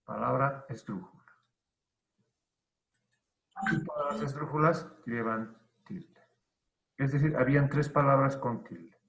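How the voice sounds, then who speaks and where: A male teacher giving an online grammar lesson, who explains deliberately, repeats key terms and asks and answers his own questions. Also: mid-range voice, vocal fry, fairly bright tone. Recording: roomy, dull lo-fi online class audio.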